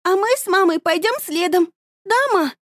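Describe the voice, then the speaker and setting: A woman voicing a brave, protective teenage girl who speaks high and insistently, in an audiobook reading. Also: moderate pace, a bit bright, no echo, studio quality. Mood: urgent.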